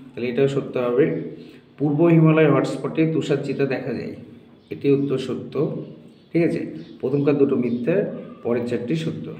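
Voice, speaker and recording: A man's voice: medium pitch, mellow. A male tutor solving a science test paper for students, explaining each answer step by step and often checking that they follow. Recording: echoey room.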